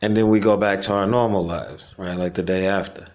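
A man's voice: low voice, steady tone, a little fast. A man, talking casually and reflectively in a slangy, unscripted monologue for his vlog, chuckling often. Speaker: vlogger. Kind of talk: casual stream-of-consciousness monologue. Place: home in the Caribbean.

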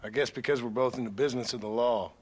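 An actor playing a tough, dry-witted gunslinger in a video game, calm and quietly menacing. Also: male voice, mid-range voice, quick pace, slight background noise, lightly acted. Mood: stern. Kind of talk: video game cutscene acting.

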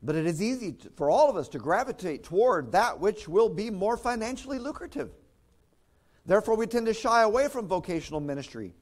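Conversational pastor, fairly high voice. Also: male voice, sing-song, fairly quick. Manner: conversational preaching with chuckles and restarts. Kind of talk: sermon.

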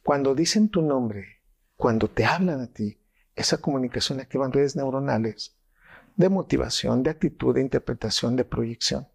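Gravelly-voiced Mexican man explaining. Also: medium pitch, moderate pace. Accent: Mexican Spanish. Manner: animated, acts out quoted voices. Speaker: neuroscientist guest. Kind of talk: explanatory interview talk.

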